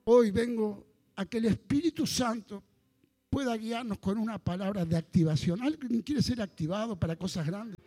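A man in his sixties from Argentina, with an Argentine Spanish accent, preaching a sermon and leading his congregation in fervent call-and-response prayer that builds to shouting. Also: sits high, moderate pace, slightly rough, faint music behind. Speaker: pastor.

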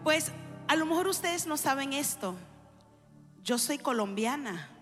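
A middle-aged woman with a high, bright speaking voice shares her testimony from the stage of a large church. She talks warmly and directly to the crowd, drawing them in with questions. Her voice rings through an echoey hall, with soft music playing behind her. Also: expressive, a little slow. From New York. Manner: warm, engaging, questions the audience. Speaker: worship singer.

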